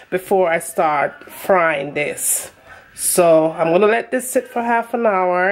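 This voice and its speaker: A woman's voice: medium pitch, slight background noise. A woman with a Jamaican accent narrating a recipe as a home cook, casually instructing viewers directly. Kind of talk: casual cooking tutorial narration.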